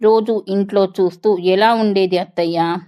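A woman's voice: medium pitch, fairly even intonation, normal speed, warm tone, smooth, lightly acted. Fed-up young husband, curt and resentful, voiced by a woman narrator.

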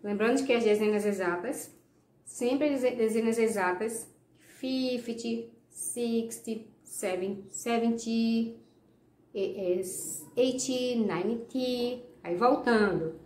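Native Portuguese-speaking woman as a patient English teacher, drawn-out pace, roomy echo. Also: a little high, a little mellow. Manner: slow, patient, repeats words and checks with "ok?". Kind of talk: recorded classroom lesson.

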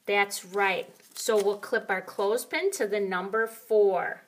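A woman's voice: mid-range voice, fairly even intonation, slow pace, a little hiss or hum. A woman speaking as a kids show host, teaching young children in an encouraging, sing-song way with praise and questions.

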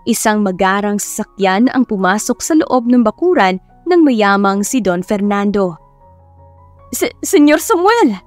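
A woman narrating a romance story in a steady, scripted storytelling voice. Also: medium pitch, moderate pace, dry recording, soft background music.

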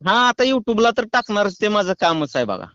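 Smooth high-voiced man pranking on a phone line. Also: normal speed, no room sound. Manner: calm, teasing, mock-official. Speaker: prank caller. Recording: muffled phone call.

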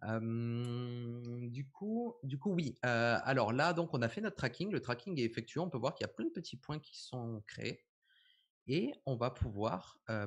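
A man talks through a visual effects tutorial in a loose, conversational way. His voice is slightly husky, and he pads his explanations with easygoing fillers. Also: medium pitch. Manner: casual, explanatory, frequent fillers. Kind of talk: live software tutorial chat.

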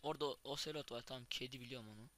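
A young man giving casual, excitable commentary while playing a block-building game, thinking aloud and exclaiming at each thing he finds. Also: mid-range voice, very fast. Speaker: gaming YouTuber. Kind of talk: casual Minecraft let's play commentary.

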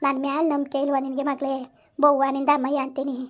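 In a family skit, a woman plays a village mother-in-law who coaxes and scolds, repeating herself and turning forceful when threatening her son; she also addresses viewers. Her high voice is monotone and quick, lightly acted.

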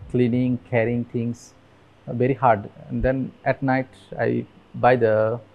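A Bangladeshi man in his thirties, interviewed in a dim room on a lapel mic, telling his story earnestly with halting restarts. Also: mid-range voice, creaky, narrow, tinny audio. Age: 30s. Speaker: interviewee, migrant worker. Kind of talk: documentary interview. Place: dim indoor room with fans.

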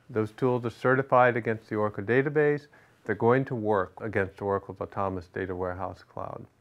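Standing on a studio set with a large screen behind him, a middle-aged product management executive presents a scripted product explainer in a lowish voice. He speaks steadily and instructively, pausing for rhetorical check-ins between points, and the sound is clean and close, like a lapel mic.

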